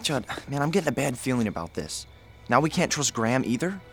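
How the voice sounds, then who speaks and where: A male actor playing an anxious, excitable boy on the run in an audio drama, with a hesitant, stammering manner. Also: medium pitch, fairly quick, soft background music. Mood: uneasy.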